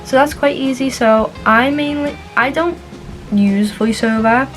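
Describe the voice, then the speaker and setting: A woman's voice: high-pitched, a little slow. A young woman giving a casual tutorial in an informal, chatty way, with asides. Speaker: vlogger. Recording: music playing behind the voice. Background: background music.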